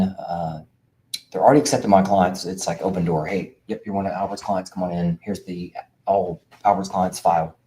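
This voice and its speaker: Deep, emphatic man coaching veterans. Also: dark tone. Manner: emphatic, preachy, repeats himself with filler uhs. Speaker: veterans' benefits coach and show host. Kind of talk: casual direct-to-camera monologue.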